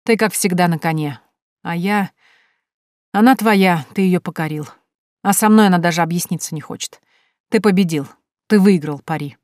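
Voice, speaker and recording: A woman's voice: on the low side, moderate pace, long pauses, dry recording, studio quality, lightly acted. A woman reading the lines of a smug, wheedling young man who chases women. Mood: bitter. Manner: wheedling, then bitter and shouting.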